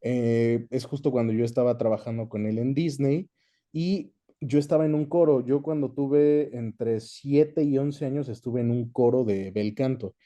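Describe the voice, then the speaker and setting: A man with a Mexican accent speaks at a medium pitch, a little slowly and warmly, as a guest in an interview. He's a dubbing actor and director, chatting casually while recounting his experience.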